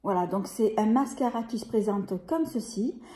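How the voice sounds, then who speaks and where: A woman's voice: medium pitch, lively intonation, moderate pace, mellow. A woman vlogging a beauty unboxing in a casual, hesitant way, full of fillers and restarts. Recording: echoey room.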